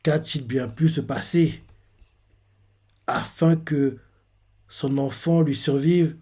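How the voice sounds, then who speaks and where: A man voicing a grieving, gentle giant of a man, low, slow and subdued. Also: slightly rough. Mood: sombre.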